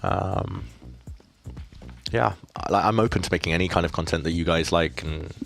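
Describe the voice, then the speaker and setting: A man's voice: deep voice, moderate pace, gravelly, soft background music. A man streaming chess live in casual commentary, chatty and self-deprecating, reading out viewers' questions.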